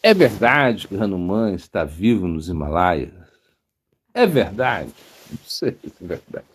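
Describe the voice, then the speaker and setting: With a deep, breathy-edged voice, this monk talks at a measured pace, his pitch swinging widely. It's a relaxed spiritual discourse full of meandering anecdotes, where he impersonates the people he quotes and laughs a lot.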